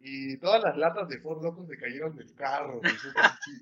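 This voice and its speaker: A young man with a Mexican Spanish accent tells a rowdy story in casual chat, swearing freely and piling on slang. His voice sits a little high. The recording sounds muffled and lo-fi. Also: brisk, fairly bright tone. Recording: dull lo-fi sound.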